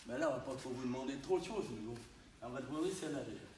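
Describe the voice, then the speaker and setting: A man teaching karate live to his class, animated, often tagging his sentences with "hein?" and sudden exclamations. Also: medium pitch, very fast. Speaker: karate instructor. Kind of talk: live dojo teaching demonstration. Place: large echoey training hall. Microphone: distant camera mic. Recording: echoey hall from far off, noisy.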